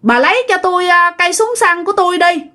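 A woman voicing an old great-grandfather, blunt and bold, who talks in a loud, calling way. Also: on the high side, lively intonation, a little fast. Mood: shouting, excited.

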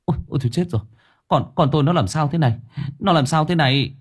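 A man's voice: fairly high pitch, fast, slightly rough, voice pushed up. A man voicing a panicked village parent who stammers in alarm.

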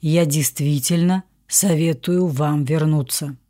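Woman reading a hoarse, dismissive husband, low and mellow, in an audiobook. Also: takes it slowly. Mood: curt, sleepy. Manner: curt, dismissive. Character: weary man, husband roused from sleep.

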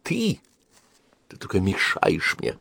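A man's voice: low-pitched, wildly swooping pitch, takes it slowly, creaky, bright, forceful tone, breathy edge, dry recording, full character voice. A man reading aloud and voicing a doting, hot-tempered father who insists and raises his voice. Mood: angry.

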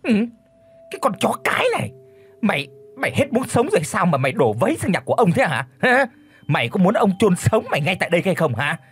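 A man voicing a bullying, foul-mouthed old village chief who shouts threats and orders. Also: a little high, sing-song, measured pace, soft background music. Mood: furious.

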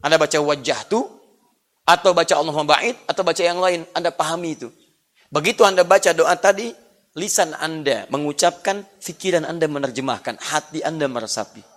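High-voiced lively male preacher. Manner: lively, jokes and laughs, repeats "check it" challenges; swings from hushed and slow to loud and high. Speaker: Islamic preacher. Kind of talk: sermon lecture to a congregation.

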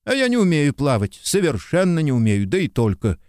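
A man's voice: a little high, wildly swooping pitch, brisk, a little mellow, dry recording, clean studio sound. A man voicing a talkative, timid soldier who rambles and complains plaintively in an audiobook. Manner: rambling storyteller, apologetic and plaintive. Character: chatty timid male soldier, talkative and guilty. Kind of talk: audiobook character reading.

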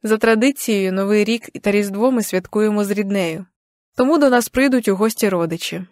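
Young woman reading a story aloud, gentle and even, dry studio sound. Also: mid-range voice, a little fast, no room sound. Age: young adult. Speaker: audiobook narrator. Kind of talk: first-person audiobook narration.

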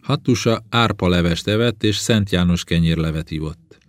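A man narrating an audiobook in a calm, even reading voice. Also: deep voice, no room sound. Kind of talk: scripted narration.

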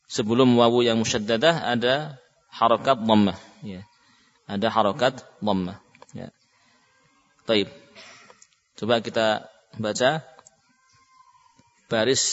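Male recitation teacher, very slow drawn-out chanting, explains patiently, dull lo-fi hall recording with long echo. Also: lowish voice. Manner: patient explaining with frequent "ya" and "nah". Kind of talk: classroom instruction with call-and-repeat.

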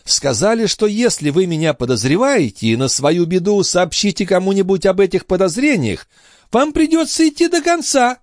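A man's voice: high voice, sing-song, normal speed, a little mellow, no room sound, studio quality, pitched above the performer's own voice. A man voicing a wily, sugary old female concierge who whines and protests indignantly. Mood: shrill indignant.

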